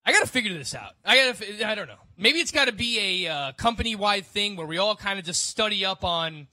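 Co-host: high, very bright young man, joking and self-mocking, dry close mic. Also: expressive, fairly quick, no echo. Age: 20s. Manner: playful, self-mocking, laughs often. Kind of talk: casual podcast chat.

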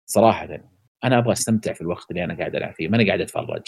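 Male podcast co-host, rapid and animated, lowish voice, opinionated. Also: creaky, husky. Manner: animated and opinionated, jumps to high pitch for emphasis; many hesitations and filler sounds. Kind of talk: casual gaming podcast chat.

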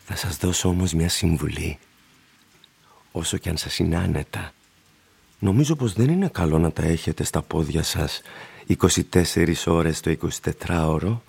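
In a radio drama, an actor plays a polite, eerily insistent old shoe-shiner, his deep male voice gravelly, husky, breathy, and a little mellow. The performance is heavily acted, with a confiding, admiring mood and an older-sounding character.

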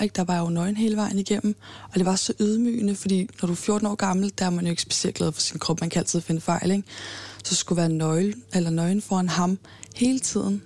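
Low gravelly young woman, flat delivery. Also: no room sound. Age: 20s. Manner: halting, with many fillers and restarts. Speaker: interviewee. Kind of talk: personal account in an interview.

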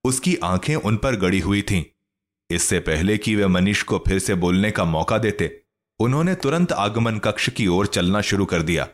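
A man narrating a children's story in an expressive, scripted reading. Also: on the low side, moderate pace.

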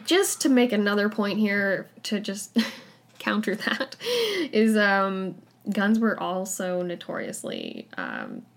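A woman co-hosting a podcast in casual chat, talking with quick asides. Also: medium pitch, sing-song, gravelly. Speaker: podcast co-host.

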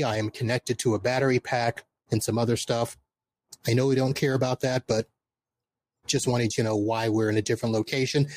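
A middle-aged man hosts a live podcast on his own in a casual, conversational style. His voice sits at a medium pitch and his delivery is plain-spoken. He is recorded outdoors in a backyard, so the sound is dry, with no room reflections. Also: darkish tone, no room sound. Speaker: podcast host.

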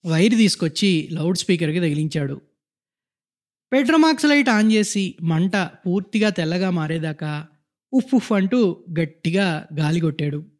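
A man reading a short story aloud in a measured, descriptive narration. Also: sits high, expressive.

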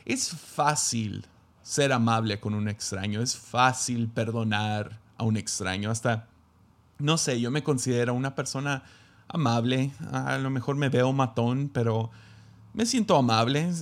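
Male pastor, gravelly middle voice, reflective sermon delivery with restarts. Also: mid-range voice. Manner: reflective, reads scripture aloud then muses with restarts.

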